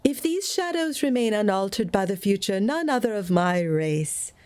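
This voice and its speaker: A woman voicing a solemn, stern spirit in a storybook, with slow, grave, declamatory speech. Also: mid-range voice, very animated, darkish tone, voice pushed up, natural voice. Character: solemn, stern male spirit rebuking a miser.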